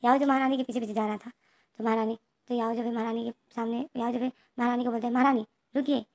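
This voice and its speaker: A woman's voice: a little high, flat delivery, fast, darkish tone. A woman casually retelling a fan story, rambling with restarts and reading out characters' lines.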